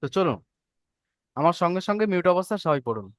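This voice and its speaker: High-voiced man teaching letters online. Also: very animated, quick pace, smooth, no echo. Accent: Bengali. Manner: patient, repeats and checks understanding. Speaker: Arabic script teacher. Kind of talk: online class instruction.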